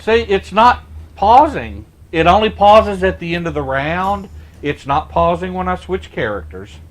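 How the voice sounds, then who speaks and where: A man's voice: high-pitched, expressive, normal speed. A young man giving casual, chatty commentary while playing a video game, reacting aloud to what happens on screen. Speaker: gameplay commentator.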